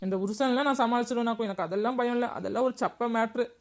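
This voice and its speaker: Woman as young village daughter-in-law, complaining, brisk and a bit high; cartoon. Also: natural voice. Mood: plaintive. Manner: plaintive and chatty, complaining. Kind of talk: cartoon voice acting.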